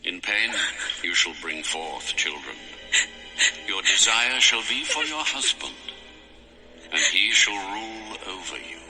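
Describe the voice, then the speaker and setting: A man's voice: sits low, very animated, bright, forceful tone, soft background music, heavily acted. A man playing God as a stern, commanding deity in a dramatized audio scripture, speaking solemnly and weightily. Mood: grave condemnation. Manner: solemn, slow, weighty pronouncements.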